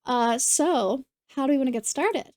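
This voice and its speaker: A woman's voice: high-pitched, expressive, moderate pace, a little mellow, dry recording, clean studio sound. A woman hosting a puzzle video, thinking aloud as she solves, musing and hesitant with frequent ums and maybes, a little out of breath.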